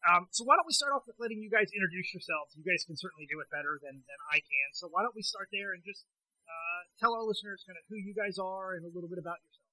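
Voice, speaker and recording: A man's voice: sits high, fast talker, pushed and bright, no room sound. A man hosting a podcast interview over a bad remote connection, his voice thin and tinny like it comes through a tin can or poor cell reception, asking friendly, rambling questions. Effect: thin tin-can sound like a bad cell phone line. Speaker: podcast host. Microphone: remote call connection.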